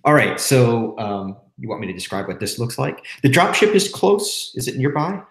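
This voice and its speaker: A man playing a tabletop game, relaxed and thinking aloud as he talks. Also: mid-range voice, normal speed, gravelly, roomy sound. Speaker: player. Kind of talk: casual tabletop game chat.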